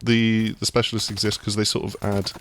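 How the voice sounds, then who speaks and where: A man with a notably low voice talks through game mechanics in an easygoing, meandering way, full of "like" and "um". A faint hiss sits under the recording. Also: fairly quick. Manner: relaxed, rambling explanations with many fillers and restarts. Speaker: games journalist co-host. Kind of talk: casual gaming discussion.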